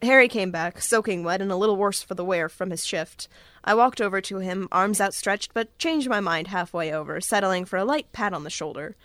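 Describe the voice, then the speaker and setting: A woman playing a wry, weary film-noir detective who narrates in a deadpan voice. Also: mid-range voice, fairly quick, no room sound, close to an everyday voice.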